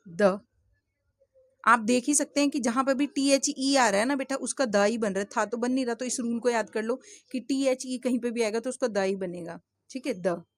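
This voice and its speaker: A woman teaching English to children, slowly spelling out words letter by letter, often checking in with the learners. She speaks English with an Indian accent. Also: a little high, no room sound. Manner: slow, patient, spells words letter by letter and asks questions; often checks in with "theek hai?". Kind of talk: spoken English lesson for children in Hindi.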